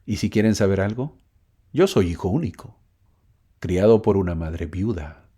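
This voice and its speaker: Low-voiced guy teaching a church lesson, voice bouncing all over, asks you questions. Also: expressive, normal speed, warm tone, breathy edge. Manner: storytelling, asks listeners questions, reads verses aloud. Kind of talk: recorded scripture lesson.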